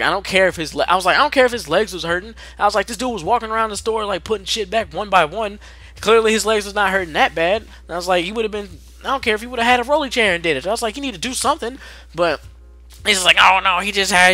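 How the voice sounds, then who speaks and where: Young man, animated storytelling, quick delivery, dry close sound. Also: a little high, no room sound. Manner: animated, acts out coworkers' lines in a raised voice. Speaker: storyteller vlogger. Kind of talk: casual story time.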